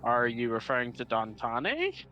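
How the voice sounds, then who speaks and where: Male tabletop player, bright tone, unhurried, hesitant, casual improviser, light music bed. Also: medium pitch, wildly swooping pitch, muffled recording, a little hiss or hum. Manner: hesitant, casual, thinking aloud. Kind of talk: casual in-character improvised chat.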